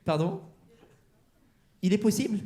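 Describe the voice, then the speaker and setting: A man's voice: high voice, lively intonation, a little slow, warm tone. A man doing stand-up crowd work on a comedy club stage, teasing the audience with mock-outraged banter. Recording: live show with crowd laughter.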